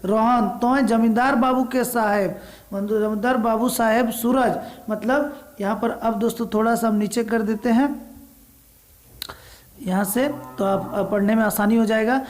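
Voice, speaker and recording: A woman's voice: fairly high pitch, fairly even intonation, normal speed, darkish tone. A woman teacher reading dialect story lines aloud and explaining each one to exam students, asking and answering her own questions as she goes. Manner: reads dialect lines then explains them in plain speech, asks and answers own questions.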